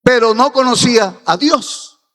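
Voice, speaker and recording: A man from Peru preaches a sermon as pastor in a reverberant church hall, his very high-pitched, slightly bright voice unhurried. He presses his points and rises to emphatic peaks.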